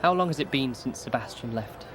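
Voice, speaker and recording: An actor playing an earnest, outspoken young student and protective friend in an audio drama. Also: male voice, mid-range voice, animated, brisk, fairly bright tone, a little hiss or hum, close to an everyday voice. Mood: concerned gossip.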